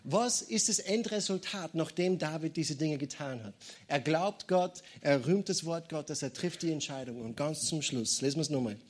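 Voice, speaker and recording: A man preaching a sermon, lively and jokey, often breaking into calls of praise. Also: a little high, normal speed.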